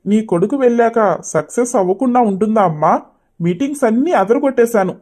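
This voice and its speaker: A man voicing an easygoing young husband and son in a cartoon story, gently teasing. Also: high voice, lively intonation, brisk.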